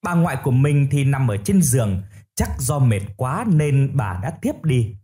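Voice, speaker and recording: A man narrating a first-person ghost story in a steady storytelling manner. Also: medium pitch, moderate pace.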